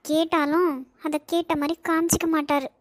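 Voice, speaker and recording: A woman's voice: extremely high pitch, level tone, fairly quick, noisy background. A woman voicing a young woman in a cartoon who worries and plots to marry her cousin, with a Kanyakumari Tamil accent. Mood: worried. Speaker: cartoon character. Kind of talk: animated comedy voice acting.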